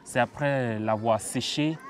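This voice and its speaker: A man explaining a craft process on location, slow and hesitant with fillers. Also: mid-range voice, a little hiss or hum. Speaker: local guide explaining pottery.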